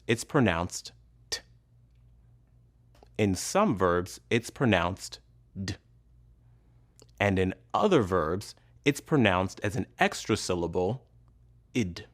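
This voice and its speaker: A man teaching English pronunciation in a scripted lesson, enunciating each sound carefully and pausing between words. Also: fairly low pitch. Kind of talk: slow, deliberate scripted instruction.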